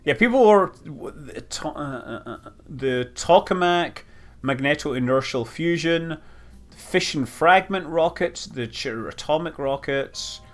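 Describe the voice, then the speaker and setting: A slightly high, expressive male voice, a little slow, delivers casual live stream commentary on a space building game. He rambles, thinks aloud and exclaims over the details he notices.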